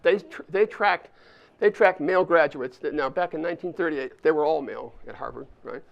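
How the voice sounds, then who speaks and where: Gravelly older man giving a leadership talk. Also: on the high side, a little fast, lo-fi sound. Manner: chatty, repeats and restarts, leads the audience through a hands-on exercise. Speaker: speaker at an alumni volunteer summit. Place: university event space with a live audience.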